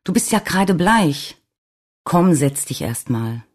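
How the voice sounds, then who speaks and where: A reader voicing a worried, caring husband. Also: male voice, fairly high pitch, sing-song, slow pace, voice pushed up, exaggerated voice. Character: concerned husband, adult.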